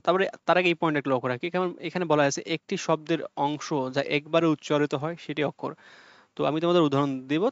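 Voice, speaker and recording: Fast-talking male tutor. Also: a little high, dry recording. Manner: explains step by step, repeating key points and checking understanding. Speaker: teacher. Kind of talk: exam-prep Bangla lesson. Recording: dull lo-fi audio.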